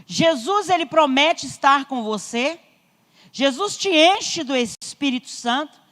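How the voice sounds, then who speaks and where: A woman's voice: high-pitched, animated, takes it slowly, a bit bright, in a large hall. A Brazilian woman pastor with a Brazilian Portuguese accent preaching a sermon, driving home her points with emphatic, repeated rising appeals. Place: church sanctuary.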